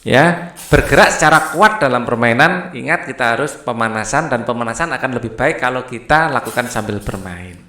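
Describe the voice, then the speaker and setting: A man's voice: mid-range voice, expressive, fairly quick, bright, forceful tone, reverberant. A man, patiently walking young pupils through a textbook lesson, checking in with many "ya"s. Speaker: teacher. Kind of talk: explaining a primary school textbook.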